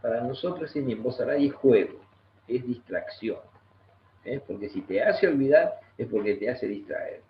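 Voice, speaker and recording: A man's voice: mid-range voice, expressive, moderate pace. A man with an Argentine accent, a guest teacher patiently explaining things in an online talk and repeating key words rhythmically. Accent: Argentine Spanish. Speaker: guest teacher of Guaraní language and culture. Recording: echoey muffled room with faint noise.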